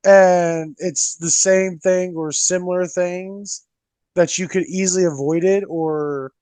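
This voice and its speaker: Blunt, profane man with a high voice. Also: fairly even intonation, slow pace, darkish tone, clean tone, no echo. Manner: blunt, profane, swings his pitch mimicking others. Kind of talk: casual chat.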